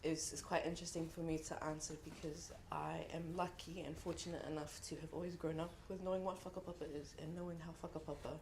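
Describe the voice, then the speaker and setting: A young New Zealand woman with a low, level, slightly mellow voice speaks in a New Zealand accent at a book launch, where she is a contributor. Her heartfelt speech to the audience in the event room is reflective and earnest, broken by frequent pauses. A faint hiss or hum sits under the recording.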